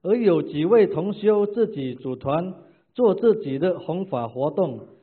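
A man's voice: high-pitched, animated, measured pace, breathy edge. A man, a disciple, reading out questions in a formal, deferential way, with formulaic thanks. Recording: tinny phone-like sound.

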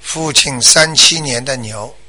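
A man hosting a radio call-in show, giving brisk, firm advice and often checking that the caller understood. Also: medium pitch, sharp tone, a little hiss or hum. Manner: keeps asking if the caller understood.

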